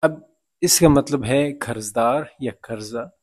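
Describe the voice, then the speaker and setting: A man teaching a vocabulary lesson, repeating each word and giving slow, deliberate example sentences. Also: medium pitch.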